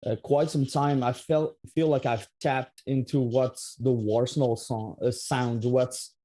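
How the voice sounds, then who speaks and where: A man in his thirties from Quebec, Canada, who plays in a metal band, is interviewed as a guest and answers in a Québécois French accent. His voice is medium-pitched and mellow, level in tone and measured in pace. He tends to ramble, stopping to restart and filling pauses.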